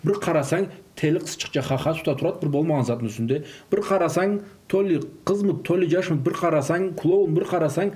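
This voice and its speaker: This man speaks a little quickly and hardly pauses, his voice on the high side with a darkish tone. A native Karachay-Balkar speaker, he discusses raising children from a religious angle in an informal setting, mixing in Russian words and phrases.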